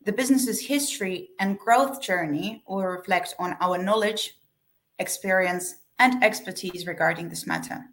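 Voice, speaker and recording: A woman's voice: medium pitch, moderate pace, a bit bright. A young woman from Estonia, giving a business webinar and reading from a prepared script. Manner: reads a prepared script evenly. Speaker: webinar speaker, sales manager.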